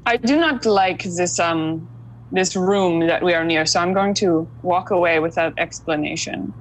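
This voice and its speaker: A woman in a tabletop game stating her character's actions in a flat, matter-of-fact way. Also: fairly low pitch, measured pace, poor audio. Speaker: player.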